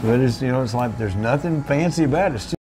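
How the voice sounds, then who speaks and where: An older restaurant owner, seated at a table in a small back room before a camera, tells his family's restaurant story in a loose, folksy ramble, often restarting sentences. His medium-pitched voice is animated and fast, with music playing over it.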